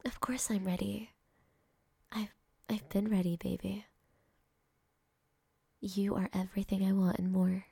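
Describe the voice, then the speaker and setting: A young woman murmurs close to the microphone in an intimate ASMR roleplay, her whisper soft and affectionate. Her voice is dark, heavy with vocal fry and breathy grain, and she takes her time. The sound is dry and close. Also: medium pitch, level tone, unhurried, long pauses, no echo. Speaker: girlfriend in a roleplay.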